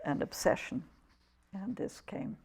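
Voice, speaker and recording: A woman in her eighties from England, a poet talking haltingly about her life and reading her own poems in an interview. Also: a little mellow. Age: 80s. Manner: halting, restarts often, vivid when reading. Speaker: poet guest.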